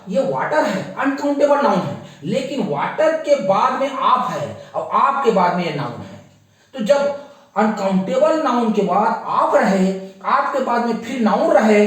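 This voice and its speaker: A male grammar teacher whose voice swings up and down with a lot of pitch movement. He keeps going back over the same rule and asks questions only to answer them himself. The sound is very echoey, picked up from some distance in a bare room. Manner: repeats rules and asks rhetorical questions. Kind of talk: classroom grammar lesson. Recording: echoey room, voice far from the mic.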